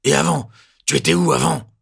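Man voicing a hostile, shouting lieutenant for an audiobook; raised, aggressive, husky edge. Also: mid-range voice, a little slow, voice pushed up, exaggerated voice. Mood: furious. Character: furious menacing male gang lieutenant.

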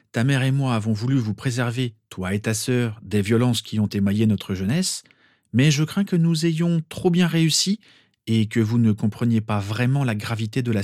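A man's voice: mid-range voice, darkish tone, dry recording, studio quality, close to an everyday voice. A man voicing an amused, protective father in a storybook reading, with a fatherly tone.

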